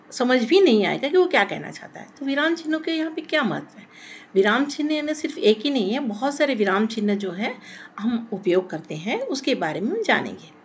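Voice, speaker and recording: A woman's voice: on the high side, slight background noise. Woman teacher explaining a Hindi lesson. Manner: explains step by step, repeats words, rhetorical questions. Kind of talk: classroom lesson on punctuation.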